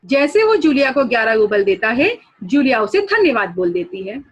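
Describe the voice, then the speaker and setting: A woman's voice: on the high side, sing-song, normal speed, husky, highs cut off. A woman teacher explaining a story lesson to students, guiding them through pictures and new words.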